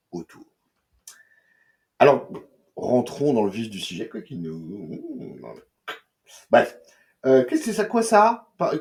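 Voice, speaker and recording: A young man talks through comics in a loose, slangy ramble, full of fillers, restarts and jokes. His tone is mellow and soft-edged. His pitch leaps up and down animatedly. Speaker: comics reviewer. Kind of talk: casual chat.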